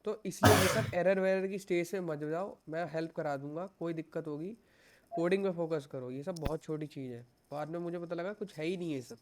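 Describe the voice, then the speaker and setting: Young male coding instructor, fairly high voice, patient and reassuring, live class over a call mic. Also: a little fast. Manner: patient, reassuring, mixes English tech words into Hindi.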